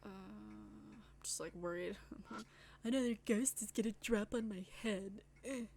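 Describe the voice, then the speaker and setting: A woman's voice: mid-range voice, steady tone, measured pace, gravelly, a little mellow, slight background noise. A woman streamer reading visual novel text aloud with casual, slangy asides. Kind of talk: let's-play reading game text aloud. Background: game music.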